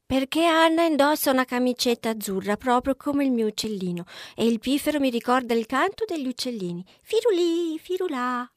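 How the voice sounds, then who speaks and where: A woman's voice: high voice, animated, fairly quick, hardly any pauses, dry recording, clean studio sound. A woman voicing a dreamy sing-song little girl. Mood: dreamy, eager. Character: dreamy excitable little girl who loves birds.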